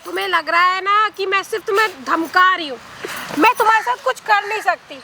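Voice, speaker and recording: A woman playing a scheming, domineering married aunt who taunts and threatens, scolding with rapid questions. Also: very high voice, noisy background. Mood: taunting. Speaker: actor in a short drama. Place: outdoors in a public place.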